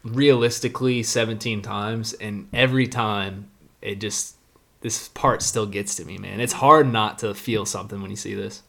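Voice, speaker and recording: A man's voice: fairly low pitch, steady tone, moderate pace, gravelly, fairly bright tone. A man co-hosting a podcast with a stuffed-up nose, thinking aloud hesitantly in casual chat. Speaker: podcast co-host.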